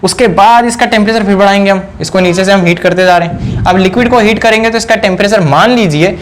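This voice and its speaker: A man teaching a whiteboard science lesson, asking questions and answering them himself, repeating key terms slowly. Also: high-pitched, a little hiss or hum. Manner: mixes in English phrases, repeats key words slowly. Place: indoor room.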